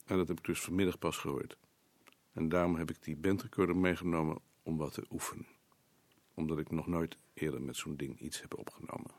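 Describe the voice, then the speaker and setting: An actor playing an irritable husband in a film drama, gruff and quick to flare up. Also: male voice, very deep voice, steady tone, a little mellow, no room sound. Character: grumpy middle-aged husband, short-tempered.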